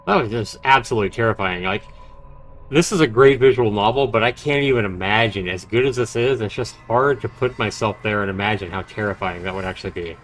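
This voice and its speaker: Streaming live, a man narrates a horror visual novel with dramatic readings mixed with relaxed commentary. He talks briskly in a lowish voice with a slightly bright edge.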